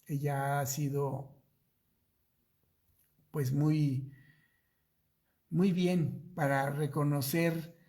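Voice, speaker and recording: Slow gravelly Mexican pastor. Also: male voice, fairly high pitch, flat delivery, a little mellow. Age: middle-aged. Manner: slow, drawn-out storytelling with acted-out dialogue. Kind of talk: storytelling Bible study sermon.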